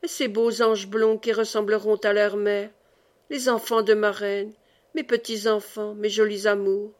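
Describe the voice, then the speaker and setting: A woman's voice: mid-range voice, level tone, unhurried, natural voice. A woman reading the part of an old exiled nobleman, a doting father who speaks with fervent emotion.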